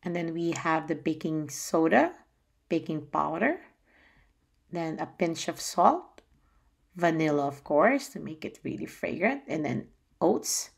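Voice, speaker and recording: A woman's voice: low voice, expressive, a little slow, vocal fry, breathy edge. A middle-aged woman with a Filipino accent chattily narrating a recipe as a home baking host, with playful asides. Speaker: home baker hosting a cooking vlog. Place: home kitchen, indoors.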